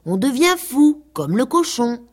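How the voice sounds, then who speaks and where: A woman voicing a wise, preening female peacock who lectures earnestly, with a husky voice. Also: high voice, sing-song, a little slow, a little mellow, pitched above the performer's own voice, full character voice. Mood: lecturing.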